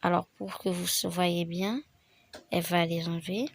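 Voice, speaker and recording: Gravelly-voiced woman with the flu. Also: lowish voice, flat delivery, normal speed, a little hiss or hum. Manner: chatty, rambling, addresses viewers directly. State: sick with the flu, voice affected. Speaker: gaming channel host. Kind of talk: casual game tutorial narration.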